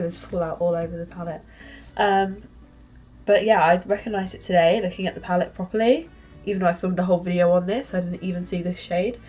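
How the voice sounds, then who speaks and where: A young woman talks through a makeup tutorial in a chatty, casual way, her voice nasal and stuffed up from a cold. She speaks at a middling pitch for a woman. Faint music plays quietly underneath. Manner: chatty, casual, with frequent ums. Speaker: beauty vlogger.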